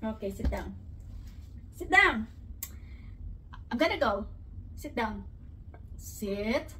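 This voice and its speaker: High bright Filipina vlogger at home. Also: female voice, expressive, very slow. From Philippines. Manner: chatty, mixing Tagalog and English, laughs often; coaxing baby talk to her dog. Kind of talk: casual chat. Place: at home indoors. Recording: far from the mic, faint room noise.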